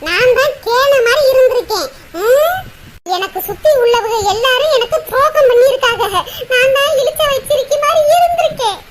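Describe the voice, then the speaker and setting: A woman voicing a grieving older sister in a cartoon comedy, lamenting loudly and repeating her words. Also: very high voice, moderate pace. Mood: bitter lament. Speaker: cartoon character. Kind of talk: Tamil cartoon comedy voice acting. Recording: loud background noise.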